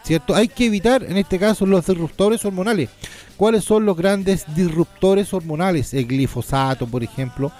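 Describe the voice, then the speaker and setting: A man's voice: on the high side, a little mellow. A man presenting a natural health sales programme informally, explaining didactically and often checking in with short tag questions. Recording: faint music behind the voice.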